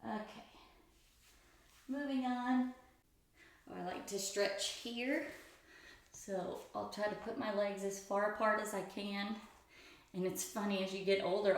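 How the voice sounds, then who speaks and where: A woman's voice: medium pitch, fairly even intonation, a little slow. A woman casually talking through an exercise routine as its host, in an informal, chatty, self-deprecating way. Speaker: host of a stretching routine video. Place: echoey room indoors. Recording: very echoey, reverberant room.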